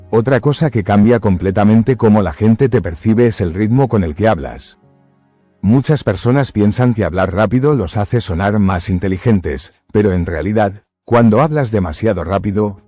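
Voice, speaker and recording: A man giving scripted motivational narration in a measured, emphatic way, close to the mic. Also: fairly low pitch, mellow, no echo.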